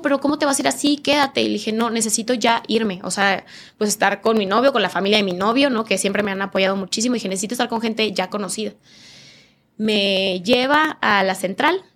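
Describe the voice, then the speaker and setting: A woman with a northern Mexican accent recounts an emotional personal ordeal as a podcast guest. Her voice sits at an ordinary middle pitch. She tells it vividly, slipping into the voices of the people she quotes. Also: a bit bright. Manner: vivid storytelling, acting out quoted dialogue in changed voices.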